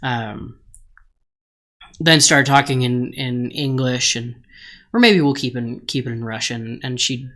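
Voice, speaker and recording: Slow, hesitant man pitching a story. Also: fairly bright tone. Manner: hesitant, many ums and restarts. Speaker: podcast co-host pitching a story. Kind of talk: casual chat.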